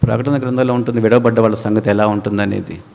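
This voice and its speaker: A man with a Telugu accent preaching a sermon at a youth meeting. He swings between hushed low asides and loud, high cries as he acts out pleading voices. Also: steady tone, fast, gravelly. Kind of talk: impassioned sermon. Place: church prayer hall. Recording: long hall reverb.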